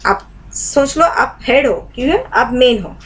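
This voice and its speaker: A woman leads a live online meditation class in a fairly high voice. She talks warmly and keeps putting questions to her students. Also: animated, unhurried, rough recording. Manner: asks the class many rhetorical questions. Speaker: meditation teacher.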